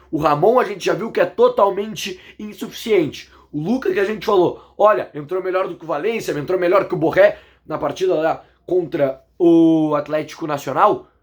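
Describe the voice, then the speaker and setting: A hoarse man with a Brazilian accent, giving an indignant, emphatic football analysis as a vlog commentator. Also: a little high, animated, moderate pace.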